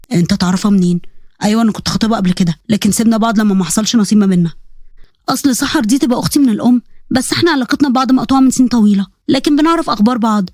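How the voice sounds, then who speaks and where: A sharp-tongued middle-aged mother, suspicious and pointed in an Egyptian accent, as a woman puts her on. She speaks very fast in a dry, close sound. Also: fairly high pitch, no room sound, natural voice.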